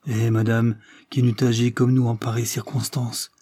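A man's voice: mid-range voice, level tone, moderate pace, dark tone, no echo, close to an everyday voice. A man reading an audiobook and voicing a courteous, serious young nobleman, with polite, formal speech. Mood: modest.

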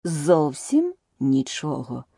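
A woman voicing a pompous, flustered old male king in an audiobook, speaking slowly and ponderously. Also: sits low, wildly swooping pitch, creaky, mellow, slightly rough, dry recording, clean studio sound, exaggerated voice. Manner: slow and ponderous. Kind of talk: audiobook character voice.

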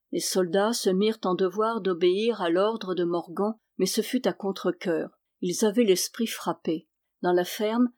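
A woman's voice: medium pitch, darkish tone. Woman reading a historical novel aloud. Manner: lifts and raises the voice for quoted characters. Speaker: audiobook reader. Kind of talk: scripted narration of a historical novel.

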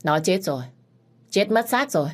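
A woman's voice: mid-range voice, expressive, moderate pace, voice pushed up, natural voice. A woman voicing a bitter, resentful mother in a spoken story, accusing and raised. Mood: cold. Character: bitter grieving middle-aged mother, servant woman.

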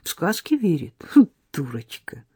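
A woman's voice: fairly low pitch, very animated, moderate pace, gravelly, dark tone, breathy edge, no room sound, studio quality, heavily acted. A woman reading an audiobook voices a timid, sniffy little sister who mumbles.

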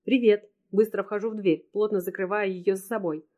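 A woman's voice: mid-range voice, steady tone, fairly quick, mellow. Brief: a woman narrating an audiobook with tense, emotional delivery. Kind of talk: first-person audiobook narration.

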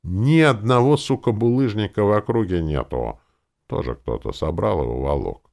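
A man's voice: low-pitched, big pitch swings, moderate pace, a little mellow, voice pushed up, exaggerated voice. A man voicing a grumpy, foul-mouthed male elf druid who grumbles and bursts out in irritation, in an audiobook. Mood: shouting. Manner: gruff, swearing, exasperated outbursts. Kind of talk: audiobook character voice.

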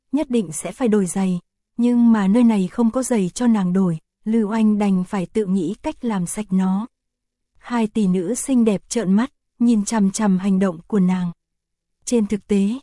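A woman narrating an audiobook in a steady, even storytelling manner. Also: mid-range voice, dry recording. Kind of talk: scripted narration.

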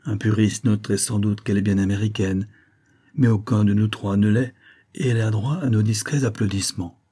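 A man reading an audiobook novel in a calm, measured first-person narration. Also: fairly low pitch, slightly rough. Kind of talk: scripted narration.

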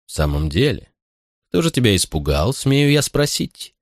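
Reading an audiobook, a man voices a cold, domineering middle-aged father, a consul, who questions his son bitterly and sternly in a cutting tone. His voice is pushed up to a medium pitch with a sing-song quality at normal speed. The sound is clean studio audio with no echo.

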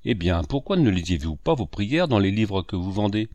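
A man reads a village priest in a low, grave voice with lively inflection. The priest questions gently but firmly. The sound is dry and close. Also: normal speed, no room sound. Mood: kindly. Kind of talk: audiobook character reading.

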